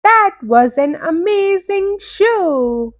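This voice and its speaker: A woman's voice: extremely high pitch, animated, very slow, pitched above the performer's own voice, heavily acted. A woman voicing an easygoing, upbeat storybook cat, stretching out happy exclamations. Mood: excited. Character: Pete, groovy, easygoing cartoon cat who sings. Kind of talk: children's storybook character voice.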